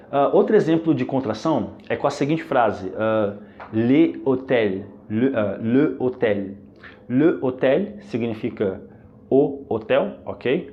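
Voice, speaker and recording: Slow, patient Brazilian man teaching. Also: mid-range voice, mellow. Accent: Brazilian Portuguese. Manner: patient, repeats each word and checks in with "ok?". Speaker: French teacher. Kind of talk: online language lesson. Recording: dull, lo-fi recording.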